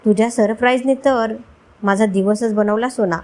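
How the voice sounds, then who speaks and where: A woman's voice: fairly high pitch, steady tone, normal speed, a little mellow, lightly acted. A woman voicing an affectionate young husband.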